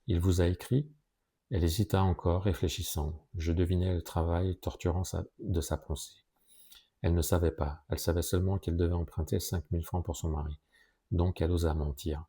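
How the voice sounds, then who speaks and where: A man narrating a classic story in a measured, even way. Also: deep voice, slightly rough. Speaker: audiobook narrator.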